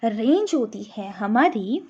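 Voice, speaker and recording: A woman teacher with a high but mellow voice explains physics step by step for exam prep. She keeps checking that students follow her, mixing into her explanations. The recording sounds dull and lo-fi. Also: very animated, slow pace, husky.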